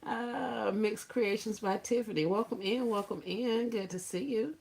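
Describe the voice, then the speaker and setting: A woman's voice: medium pitch, measured pace, creaky, darkish tone. A woman hosting a casual livestream, greeting viewers by name, laughing often and teasing playfully. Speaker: livestream host.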